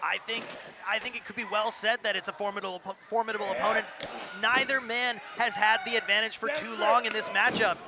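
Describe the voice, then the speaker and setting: Man, wrestling color commentary, very high pitch, emphatic projected delivery, repeated phrases, loud crowd behind. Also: fairly even intonation, brisk. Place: live wrestling show. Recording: loud crowd and venue noise.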